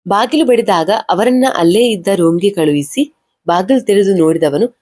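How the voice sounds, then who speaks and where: A woman's voice: mid-range voice, expressive, moderate pace, warm tone. A woman reading an emotional story aloud, speaking all the characters' lines in her own voice. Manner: narrates and speaks every character's lines in one voice.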